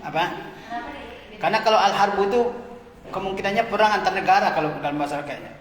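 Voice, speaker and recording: A man's voice: high voice, fast. A man teaching an Arabic grammar class, explaining words patiently with light chuckles. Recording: echoey room with long reverb.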